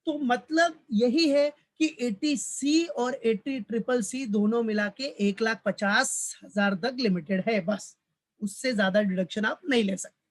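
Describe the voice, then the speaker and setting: A college commerce lecturer speaks in a very high voice at a measured pace in a recorded tax lecture mixing Hindi and English. Fatherly, he calls his students "beta," repeats each point, and keeps posing questions he then answers himself.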